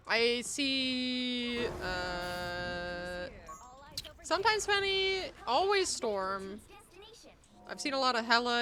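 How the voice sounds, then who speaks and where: Bubbly, animated high-voiced woman streamer. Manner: excitable, bubbly, cutesy greetings; playfully foul-mouthed. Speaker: live streamer. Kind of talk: casual game streaming chat with viewers.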